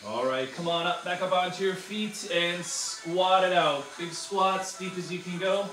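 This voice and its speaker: A man's voice: high voice, unhurried, a bit bright. A man in his thirties working as an aerobics instructor, cueing a home workout with short, repeated, encouraging instructions. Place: small tiled room at home, indoors. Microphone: far camera across the room. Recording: roomy, distant camera mic with music.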